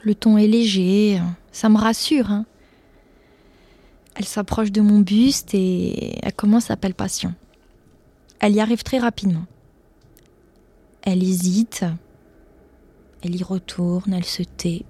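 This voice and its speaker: With a dark, mid-range voice, a steady tone, and an unhurried pace broken by long pauses, a young adult woman recounts a personal story. She talks conversationally, tags lines with "hein", and addresses listeners directly, on a dry recording.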